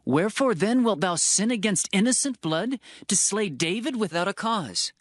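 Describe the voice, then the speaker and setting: A man's voice: high voice, expressive, moderate pace, no room sound, studio quality. A man playing a loyal, earnest young prince of ancient Israel in a dramatized scripture reading, with formal archaic phrasing. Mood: pleading.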